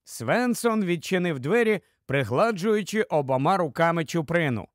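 A man reading a novel aloud as the narrator, in measured, steady storytelling. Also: fairly high pitch, no echo, clean studio sound. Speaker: audiobook narrator. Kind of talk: scripted narration.

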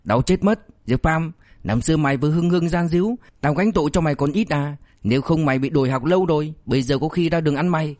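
A man voicing a fat, shameless buddy who whines and begs in a voice pitched a little above his usual tone. He wheedles and makes excuses, cheeky even when cornered, in a dry, close recording. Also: fast talker, no room sound, natural voice. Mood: whining pleading. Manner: whining, pleading, cheeky. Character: fat cowardly male buddy, whiny and shameless.

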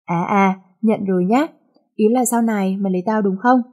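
A woman's voice: medium pitch, fairly quick, mellow, natural voice. A woman reading the lines of a cocky, teasing wealthy young man in a romance story.

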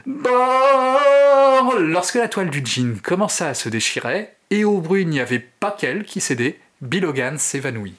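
A man and host narrating a horror short story in an expressive, theatrical way. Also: mid-range voice, moderate pace, hardly any pauses, slightly rough. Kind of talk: dramatic reading of a horror story.

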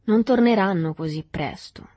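A woman reading the lines of a gruff older boatman who speaks with calm, curt scorn in an audiobook. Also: mid-range voice, moderate pace, dry recording, natural voice.

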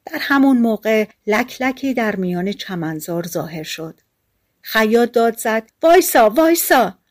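A woman narrating a fairy tale audiobook in a calm, measured way. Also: mid-range voice. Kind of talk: scripted storybook narration.

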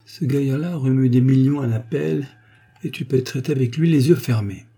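A man's voice: medium pitch, fairly quick, vocal fry, dark tone, slightly rough. A man doing a jovial scheming fixer. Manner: jovial, keeps saying "mon bon". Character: scheming male ex-notary clerk turned fixer. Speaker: character in an audiobook.

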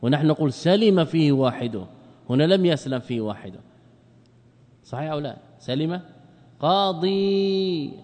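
With a fairly high yet darkish voice, he delivers an Arabic grammar lecture in what sounds like a large hall. Rhetorical questions get answered by him in turn, and he slows deliberately whenever he spells out word forms.

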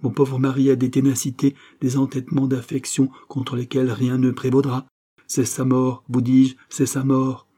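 A man's voice: on the low side, steady tone, normal speed, dark tone, husky. A man reading a novel aloud, voicing a desperate middle-aged mother who pleads for her son and husband in an anguished voice. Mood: anguished pleading. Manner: pleading, anguished, rising to cries. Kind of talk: audiobook character reading.

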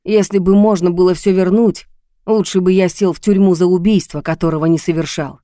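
A woman's voice: lowish voice, fairly even intonation, dark tone, no room sound, studio quality, lightly acted. A woman reading a remorseful man on the phone. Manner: apologetic, halting.

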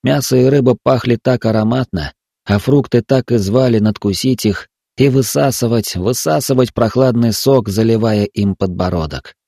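Husky-voiced male storyteller. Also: medium pitch, normal speed, warm tone, dry recording, clean studio sound. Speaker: narrator. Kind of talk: scripted storybook narration.

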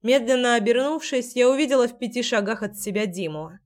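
A woman narrating a first-person audiobook in a wry, expressive storytelling voice. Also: fairly high pitch, fairly quick.

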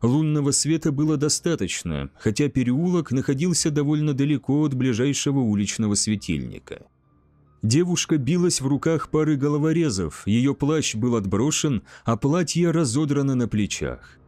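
A man reading a fantasy story aloud as narrator, in a measured, unhurried way. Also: mid-range voice, animated, dark tone. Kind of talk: scripted audiobook narration.

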